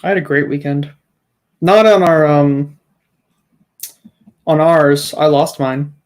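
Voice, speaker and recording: A man's voice: a little high, slow. A man co-hosting a sports podcast in casual chat, emphatic as he argues his points, with frequent restarts. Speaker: podcast co-host.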